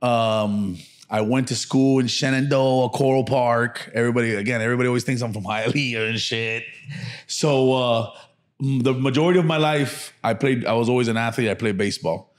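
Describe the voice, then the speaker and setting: A man's voice: mid-range voice, normal speed. Profane, joking man from Miami. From Miami, USA. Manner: loose, profane, slangy banter. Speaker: comedian guest. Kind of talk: casual podcast chat.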